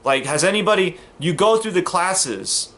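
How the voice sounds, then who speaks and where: A man's voice: sits high, expressive, moderate pace, bright, forceful tone. A man from the United States talking casually to camera as a vlogger, rambling and emphatic, with many fillers and restarts. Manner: earnest, emphatic.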